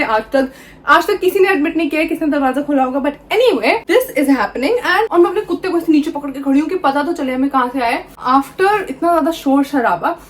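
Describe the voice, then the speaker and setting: Young woman, high voice, animated storyteller, code-switching Hindi and English, vlog. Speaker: vlogger.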